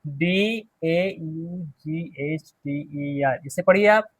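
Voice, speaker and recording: A man's voice: a little high, drawn-out words, husky. A man teaching an English pronunciation class, drilling words one at a time and quizzing students to repeat them.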